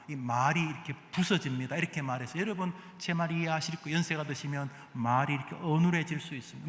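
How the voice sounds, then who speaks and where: Korean pastor preaching in an echoey church. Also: male voice, on the high side. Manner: asks the congregation questions and answers them himself; swings from soft asides to loud exhortation. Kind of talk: sermon. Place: large church sanctuary. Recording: echoey hall with long reverb.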